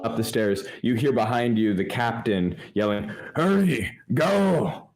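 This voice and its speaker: A man narrating a tabletop game as game master, with halting restarts. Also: on the low side, steady tone, darkish tone, faint music behind.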